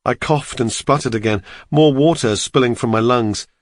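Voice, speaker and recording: A man narrates an audiobook in the first person with a steady, measured delivery. His voice sits in a middle range. The recording is close and dry. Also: mid-range voice, dry recording.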